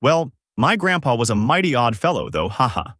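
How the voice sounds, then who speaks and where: A man voicing a naive, cheerful strong boy in a fan-made story, speaking loudly and guilelessly in a raised voice. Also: sing-song, normal speed, dry recording, clean studio sound. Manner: raised pitch, loud and guileless.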